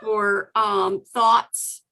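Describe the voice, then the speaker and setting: A woman's voice: mid-range voice, flat delivery, very slow, pushed and bright, a little hiss or hum, poor audio. A woman hosting a casual authors' meeting over a video call, chatty and full of fillers.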